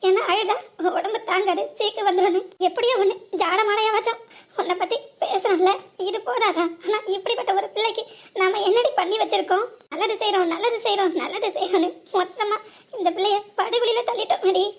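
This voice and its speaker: A woman's voice: extremely high pitch, brisk. A woman voicing an old grandmother in a cartoon, wailing and scolding in a reproachful way. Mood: rueful. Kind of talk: cartoon voice acting.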